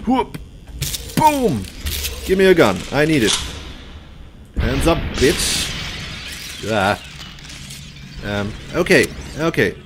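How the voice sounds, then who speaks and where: A man's voice: fairly high pitch, wildly swooping pitch, takes it slowly, long pauses, background noise. A man in his thirties giving casual, exclamatory let's-play commentary in short bursts as he plays. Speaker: video game player and commentator. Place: indoor room, seated at a computer.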